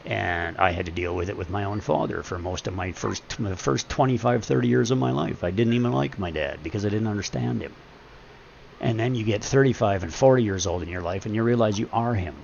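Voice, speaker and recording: Deep, gravelly man in his forties, streamer musing earnestly off the cuff; muffled mic with faint room hum. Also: brisk, darkish tone. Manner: earnest, rambling, philosophizing. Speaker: live streamer. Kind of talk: casual reflective monologue.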